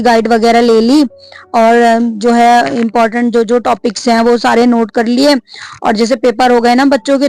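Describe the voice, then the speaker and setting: A woman's voice: on the high side, no echo. A woman in her thirties, a vlogger and mother, chatting casually to camera, many fillers, and a complaining tone.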